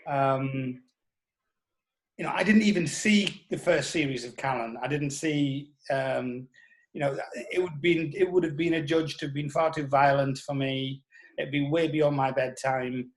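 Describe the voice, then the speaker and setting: A British man in his sixties, once a television producer and journalist, reminisces as an interview guest. His voice is a little high and the audio quality is poor.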